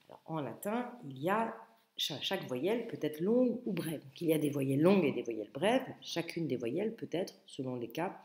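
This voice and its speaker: Femme grave qui explique un texte latin. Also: female voice, low voice, mellow, reverberant. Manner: reads Latin aloud, then translates and comments patiently. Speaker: Latin teacher. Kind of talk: explanatory lesson.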